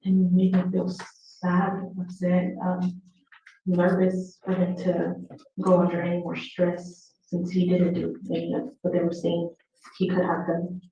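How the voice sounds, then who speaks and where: A woman answering questions as a witness on a courtroom recording, giving short, hesitant replies with frequent pauses. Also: lowish voice, completely flat delivery, warm tone, a little hiss or hum. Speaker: trial witness. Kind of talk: courtroom testimony under questioning. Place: large courtroom, indoors. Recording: echoey courtroom, far from mic, muffled.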